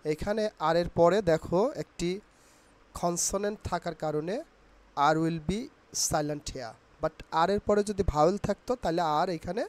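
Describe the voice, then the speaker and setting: Slow, patient Bangladeshi teacher. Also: male voice, high-pitched. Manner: slow, repeats each word several times, mixes in English. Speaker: English pronunciation teacher. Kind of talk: casual spoken lesson.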